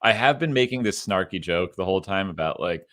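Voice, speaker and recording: A man co-hosting a podcast in casual chat, lively and snarky, swearing freely. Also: low voice, fairly quick. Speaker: podcast co-host.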